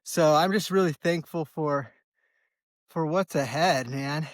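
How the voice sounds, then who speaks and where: A man's voice: fairly high pitch, takes it slowly, no echo, studio quality. An American man in his early forties chats casually and ramblingly for a vlog while running outdoors on a trail, in a laid-back, slangy way. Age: early 40s. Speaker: trail runner vlogging.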